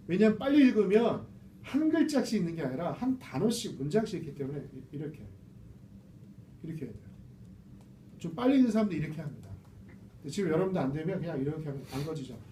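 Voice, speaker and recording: A man's voice: high-pitched, dark tone. A man teaching a casual reading lecture to a small class, chatty and full of rhetorical questions. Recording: roomy, distant mic with faint noise.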